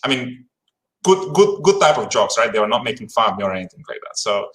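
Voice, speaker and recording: Soft-spoken Bulgarian-born man on a call. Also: medium pitch, very animated, quick pace, low-quality recording. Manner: hesitant, many fillers and restarts, polite. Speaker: guest speaker. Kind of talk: casual livestream talk.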